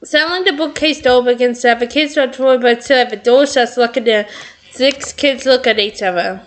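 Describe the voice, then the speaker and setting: A woman reading a script aloud in an excited, giggly way, stumbling over words and stopping to react. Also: fairly high pitch, fairly quick, a little hiss or hum. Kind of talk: excited read-through with commentary.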